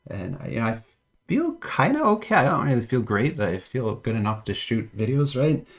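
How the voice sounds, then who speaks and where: A trading card unboxing vlogger, a man with a cold whose voice sounds a bit off, rambles casually at home while opening cards, restarting often and chuckling. His mid-range voice is sing-song and fairly quick.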